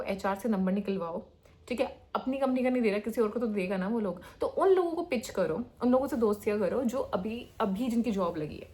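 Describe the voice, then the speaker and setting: A woman's voice: medium pitch, a little mellow. A young woman from India giving casual career advice as a developer. She talks in a hyperactive rush and mixes in phrases. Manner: hyperactive, rapid talker mixing in English phrases.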